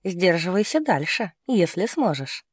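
A man's voice: sits high, very animated, unhurried, husky, no room sound, studio quality, voice pushed up, heavily acted. A man doing a teasing, playful young woman. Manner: teasing, murmured lines. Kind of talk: audiobook character voice.

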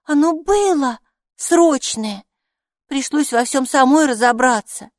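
A woman voicing an eager six-year-old girl who argues back readily, in a high, childlike voice for a storybook. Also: takes it slowly, dry recording, studio quality. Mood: indignant.

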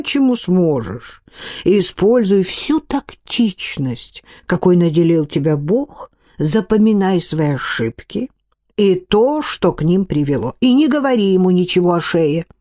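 A woman's voice: mid-range voice, big pitch swings, measured pace, dark tone. A woman reading an audiobook, voicing a verbose middle-aged male doctor with an ornate, lecturing manner. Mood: soothing.

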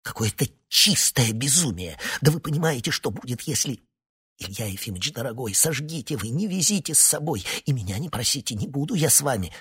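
A man voicing an old, sarcastic, jittery male psychiatrist in an audiobook, with a raspy voice and shrill, agitated whispering. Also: lively intonation, brisk, fairly bright tone. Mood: alarmed. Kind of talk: audiobook character voice.

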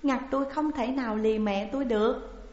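A high, tearful young noblewoman pleads with her mother, as a woman reader puts her on. The voice sounds dull and lo-fi, with a roomy, echoing tail. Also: brisk, a little mellow, natural voice. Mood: sorrowful. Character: young sheltered noble daughter, grief-stricken and dutiful. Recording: dull, echoey recording with long reverb.

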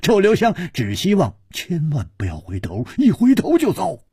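A man's voice: fairly high pitch, huge pitch swings, normal speed, mellow, husky, no echo, clean studio sound. A man telling a traditional long-form story aloud with a dramatic, rising and falling delivery.

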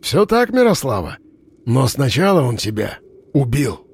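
A man reading an audiobook, voicing a gruff, sardonic middle-aged investigator. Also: medium pitch, very animated, measured pace, exaggerated voice. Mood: gruff, mocking.

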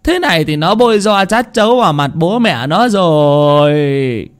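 A man's voice: fairly high pitch, sing-song, a little slow, smooth, voice pushed up. A man doing a distraught, tearful old father. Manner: tearful, wailing reproach. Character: older father, distraught and ashamed.

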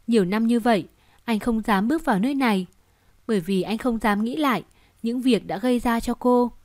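A woman narrating a dramatic romance story in a steady, storytelling tone. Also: a little high, a little fast, no room sound, clean studio sound. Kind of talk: scripted narration.

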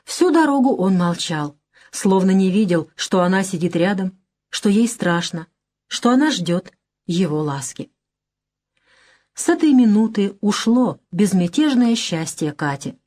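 A woman narrates a classic novel with an expressive, emotional reading. Her pitch is mid-range for a woman, with a lively, animated melody throughout. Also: unhurried. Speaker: audiobook narrator.

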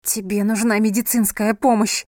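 A woman's voice: flat delivery, moderate pace, no echo, studio quality, natural voice. A woman reading a novel aloud and voicing a frightened young wife who cries out and pleads with her wounded husband. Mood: frantic pleading. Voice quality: high and loud, crying out. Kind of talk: audiobook character voice.

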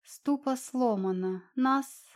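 A woman's voice: high voice, slow, voice pushed up. Woman doing a bellowing grumpy cat familiar. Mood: grumbling. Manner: growling, bellowing.

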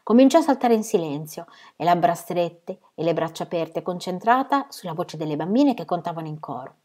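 A woman reading a novel aloud in steady, measured storytelling. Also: on the low side. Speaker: reader.

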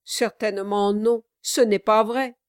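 A woman's voice: mid-range voice, fairly even intonation, a little slow, clear, resonant tone, dry recording, clean studio sound, natural voice. A woman reading an audiobook aloud, voicing a scheming, sly male lawyer with an unctuous, sneering manner. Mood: indignant denial. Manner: unctuous, mock-sorrowful, sneering.

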